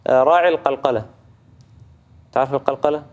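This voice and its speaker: A man's voice: mid-range voice, a little fast, lo-fi sound. Patient Gulf Arabic man teaching recitation. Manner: patient, demonstrates sounds and checks in with "tamam?". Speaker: Quran recitation judge. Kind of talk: tajweed teaching feedback.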